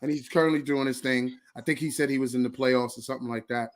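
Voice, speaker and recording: Speaking quickly with medium pitch and fairly even intonation, this male co-host of a laid-back basketball show greets listeners warmly and introduces a guest. He's upbeat, frequently says thank you, and talks over his partner.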